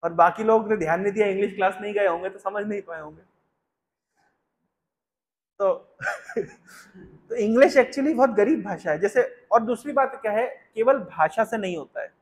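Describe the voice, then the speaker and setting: A man giving a spiritual discourse, chanting verses slowly and then explaining them to a gathered audience with frequent questions. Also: high-pitched, lively intonation. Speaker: spiritual teacher.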